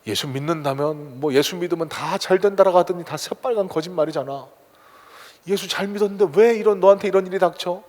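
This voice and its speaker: A man's voice: high-pitched, brisk, a little mellow, pitched above the performer's own voice, lightly acted. A man voicing a sly, mocking male tempter spirit in a coaxing whispered role-play, within a sermon. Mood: taunting. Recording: long church hall reverb.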